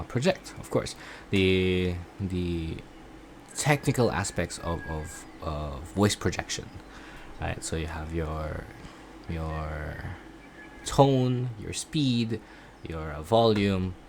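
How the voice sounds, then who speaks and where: A man chatting casually in a video diary about his voice acting classes, rambling and halting, often poking fun at himself. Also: low voice, a little hiss or hum. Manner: self-deprecating. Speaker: voice acting student vlogger.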